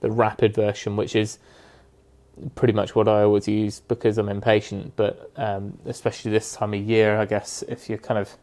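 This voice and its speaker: Low-voiced man explaining a restoration job. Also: moderate pace. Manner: relaxed, practical, with frequent ums and uhs. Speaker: woodworking restoration vlogger. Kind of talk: casual how-to narration.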